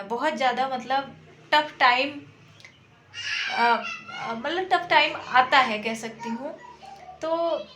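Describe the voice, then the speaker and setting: High, bright-voiced young woman vlogger. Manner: earnest, chatty, many fillers. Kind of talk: casual talk to camera. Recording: echoey room, faint background noise.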